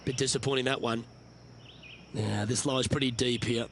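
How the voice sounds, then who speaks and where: A man working as a golf commentator, calling shots in measured, understated sportscaster remarks for a video game. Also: medium pitch, steady tone, a bit bright, a little hiss or hum, lightly acted. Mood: measured, encouraging. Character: polished male golf commentator calling each shot. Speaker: golf commentator, lead announcer.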